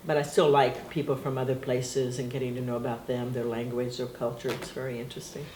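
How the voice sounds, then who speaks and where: Interviewed at home, a middle-aged native Portuguese speaker rambles reflectively through casual memories and laughs often. Her voice rumbles low and a little mellow, with a flat, brisk delivery, recorded in an echoey room with faint noise.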